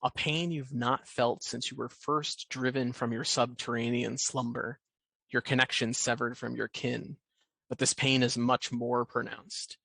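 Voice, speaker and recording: Man as game master, bright, dry, measured scene-setting narration. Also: medium pitch, level tone, gravelly, no room sound, poor audio.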